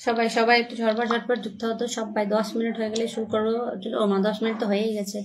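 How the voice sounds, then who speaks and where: A woman's voice: on the high side, level tone, fast talker, a little hiss or hum. A young woman, chatting casually to viewers on a livestream from her home phone, still shaken and scared. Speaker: livestream host.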